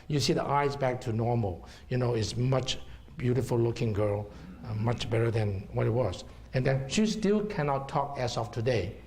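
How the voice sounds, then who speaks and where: Speaking in a medium-pitched, slightly mellow voice, a middle-aged herbal doctor with a Hong Kong accent explains to his audience in a seminar room, checking in with "okay?" during the talk.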